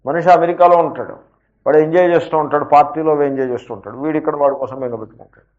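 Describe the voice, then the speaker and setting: A male spiritual teacher giving a scripture lecture in a somewhat raised voice. He explains step by step, puts rhetorical questions to his listeners and slows down for emphatic asides. The recording sounds dull and lo-fi. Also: on the high side.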